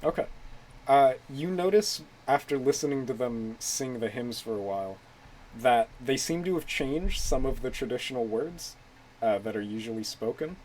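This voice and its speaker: A man in the middle of his range narrates a tabletop game as its game master. He talks in a relaxed, halting way with plenty of fillers, over a faint background hiss. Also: mid-range voice, low-quality recording. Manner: relaxed, hesitant with many fillers.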